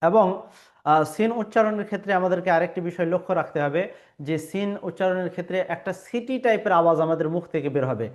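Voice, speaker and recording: A man's voice: high voice, fast. A man teaching Arabic letter pronunciation in an online lesson, patiently explaining and drawing out each letter sound, with frequent hesitations. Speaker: Quran reading teacher. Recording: dull lo-fi recording.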